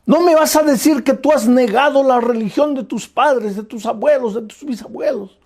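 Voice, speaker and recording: A man's voice: medium pitch, lively intonation, unhurried, vocal fry, dark tone, breathy edge, pitched below the performer's own voice, heavily acted. A man voicing a stern religious mother who scolds her daughter indignantly.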